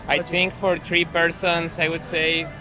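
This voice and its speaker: A man with a high voice who answers briefly and plainly. Music is clearly heard behind him on the street. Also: flat delivery, measured pace. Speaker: tourist.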